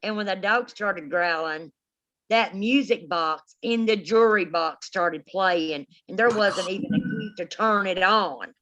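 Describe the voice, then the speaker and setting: A dull, lo-fi recording of a middle-aged woman hosting a paranormal live stream. She talks in a folksy, informal way at a medium pitch, like casual storytelling for viewers. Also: a little slow, a bit bright.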